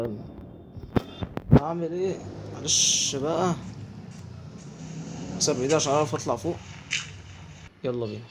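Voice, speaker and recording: A man's voice: on the high side, darkish tone, a little hiss or hum. A man with an Egyptian Arabic accent giving chatty let's play commentary, talking to himself and his viewers as he plays. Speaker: gaming YouTuber.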